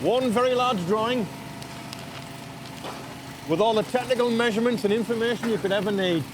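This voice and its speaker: A man's voice: very high-pitched, moderate pace. A man working as a railway engineer, casually explaining the job on site outdoors. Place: outdoors on a bridge work site. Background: prominent music, outdoor traffic sounds.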